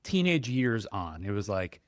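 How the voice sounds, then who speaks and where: A man with a lowish, sing-song voice co-hosts a casual podcast chat, speaking a little slowly. He's enthusiastic and rambling, with many likes and ums. The sound is clean studio audio with no room sound.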